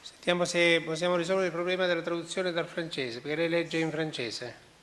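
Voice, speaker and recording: A man's voice: on the high side, fairly even intonation, a little fast, a bit bright. A man moderating a conference session, giving speakers directions in an organizing way with a few restarts. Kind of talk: chairing a session. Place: large conference hall. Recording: echoey hall, faint hiss.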